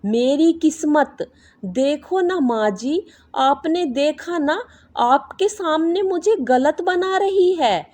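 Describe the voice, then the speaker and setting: Woman playing a whiny sly daughter-in-law, young, fussy, fairly high voice, storybook. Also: lively intonation, slow, a little mellow. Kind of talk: storybook voice acting.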